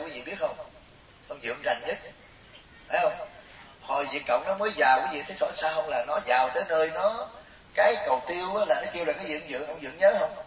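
Fast-talking preacher. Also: male voice, on the high side, a bit bright. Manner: storytelling, chatty, keeps asking the audience questions. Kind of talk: humorous Buddhist sermon to a gathering. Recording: roomy, distant mic.

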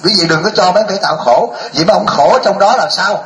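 A man, a Buddhist monk, gives a humorous dharma talk to his listeners in a rather high voice. He turns to the audience with questions and keeps the tone light. The room is echoey. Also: fast, a bit bright. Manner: addresses the audience directly, mixes jokes with lecture.

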